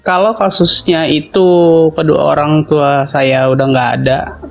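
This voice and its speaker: A man asking a question in a halting way, searching for his words. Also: a little high, fairly even intonation, creaky, dull audio, soft background music. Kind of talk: hesitant question.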